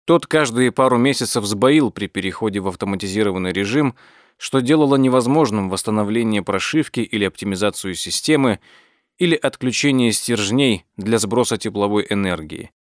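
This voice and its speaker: A man reading an audiobook as its narrator, telling the story in a measured, even way. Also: fairly low pitch, no echo, studio quality. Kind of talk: scripted narration.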